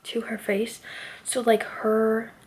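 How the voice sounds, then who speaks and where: A woman's voice: fairly high pitch, monotone, slow, a little mellow, slightly rough. A young woman chatting through a late-night reading vlog, tired and often half-whispering, with slightly muffled speech from a retainer and lots of "like" fillers. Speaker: book vlogger.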